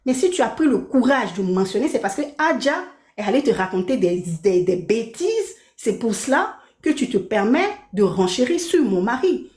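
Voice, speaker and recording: A woman with a somewhat high voice delivers an indignant rant on a live stream from her apartment. She repeats herself for emphasis and presses her listener for agreement. The room gives her voice a clear echo. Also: very animated, moderate pace, a little mellow. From Belgium. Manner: indignant, repeats her points, asks "d'accord?".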